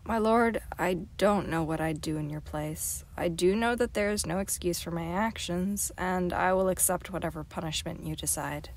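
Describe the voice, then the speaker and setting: A woman's voice: lowish voice, moderate pace, hardly any pauses, natural voice. A woman doing an anxious, earnest teenage boy. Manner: raised, earnest, hesitant. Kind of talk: audiobook character voice.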